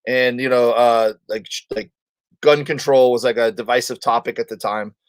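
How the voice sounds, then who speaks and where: A man's voice: mid-range voice, fairly even intonation, normal speed, dry recording. A man, a comedian guest, telling a story in a casual interview and acting out the quotes of the people in it.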